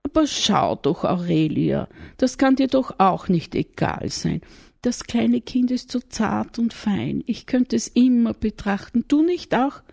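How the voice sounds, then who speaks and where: A woman's voice: on the high side, animated, a little slow, creaky, darkish tone, no room sound, studio quality, voice pushed up, heavily acted. A woman with an Austrian accent voicing a timid, tender-hearted little shepherd boy who talks in a dreamy, gushing way.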